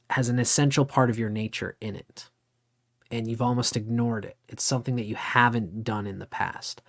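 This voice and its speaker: A man in his forties talks astrology in a relaxed, unscripted way. He wanders through his points conversationally and drops in an occasional swear word. His voice sits at an ordinary middle pitch. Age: 40s. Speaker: astrology teacher. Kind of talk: casual lecture.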